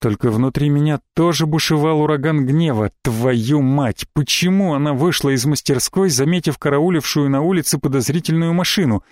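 A man's voice: on the high side, normal speed, hardly any pauses, darkish tone, dry recording. Man narrating a brash romance audiobook. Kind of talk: first-person romance narration.

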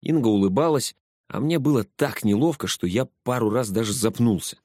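A man reading a first-person story aloud as an audiobook narrator, in a steady storytelling delivery. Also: medium pitch, fairly quick, no echo, clean studio sound.

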